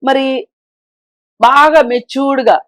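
A woman guest on a talk show, giving her opinions forcefully and pressing her point with rhetorical questions. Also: high-pitched, fairly even intonation, measured pace, dry recording. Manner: emphatic, argues with rhetorical questions. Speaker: social commentator guest.

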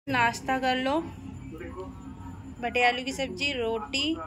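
A woman's voice: sits high, steady tone, slow, far from the mic, music in the background. A woman chatting through her daily routine at home and coaxing her pet parrots in a sing-song voice. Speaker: vlogger. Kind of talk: casual home vlog. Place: home kitchen.

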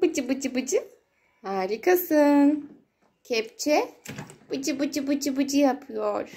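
A mother narrates play for her young child very slowly in a high, expressive, dark-toned voice, using sing-song baby talk with repeated words. They're indoors at home next to water play tubs, and the phone recording is noisy with clicks.

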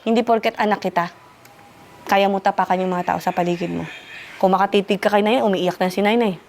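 A woman's voice: mid-range voice, steady tone, quick pace, vocal fry, darkish tone, slight background noise. Woman, parent figure, stern lecturing delivery, pointed questions, mid-range voice. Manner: scolding, asks pointed questions. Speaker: parent figure counseling a youth.

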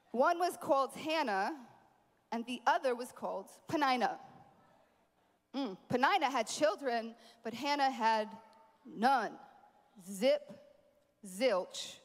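Woman preaching at a conference, high voice, big echoey hall, jokes with the crowd. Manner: animated, playful asides to the crowd. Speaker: conference speaker. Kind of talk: sermon.

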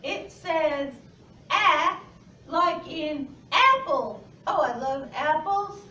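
A woman voicing an eager, polite young boy puppet with a bright, exaggerated childlike delivery in a children's lesson, recorded in a classroom. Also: high-pitched, lively intonation, slow, lo-fi sound, voice pushed up, exaggerated voice. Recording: roomy, noisy, distant camera mic.

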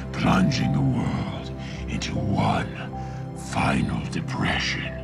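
A man voicing an ancient, scheming demon villain in a tabletop game, deep and whispery, with slow theatrical menace. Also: creaky, exaggerated voice.

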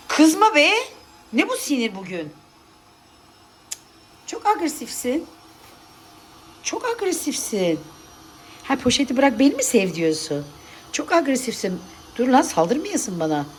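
A woman with a slightly high voice chats to her cat in a playful, coaxing way, calling it over again and again and scolding it with affection. Faint ambient sound sits behind her. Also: slight background noise. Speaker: vlogger talking to her pet cat. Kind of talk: casual pet talk.

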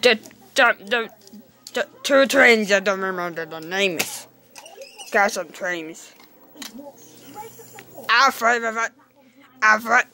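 Slow-talking bright excitable female voice. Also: mid-range voice. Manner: excitable, with sudden squeals. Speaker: channel host. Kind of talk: playful running commentary while playing.

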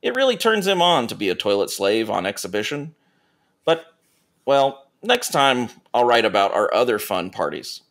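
A man co-hosting a comedy podcast, reading erotica aloud with deadpan asides and casual chat. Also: medium pitch, moderate pace. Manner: deadpan asides between read passages. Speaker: podcast co-host reading stories.

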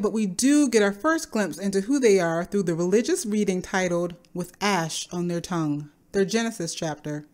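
A woman narrates an explainer at a middle pitch. She speaks in a measured, speculative way, laying out ideas as a video creator would in a scripted commentary. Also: a little mellow.

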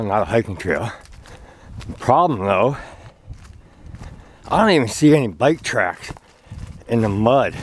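A man talking casually while walking a woodland trail, filming from behind a handheld camera, relaxed and chatty with fillers. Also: lowish voice, a little hiss or hum. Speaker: hiker filming a trail walk. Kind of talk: casual vlog narration. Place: outdoors on a leafy woodland trail. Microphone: handheld camera, speaker behind it.

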